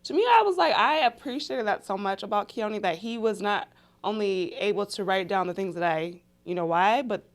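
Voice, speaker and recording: A woman with a mid-range voice co-hosts a relaxed conversation. She speaks openly and in a lively way, and laughter slips easily into her talk. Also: medium pitch, moderate pace. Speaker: podcast co-host. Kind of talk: casual conversation.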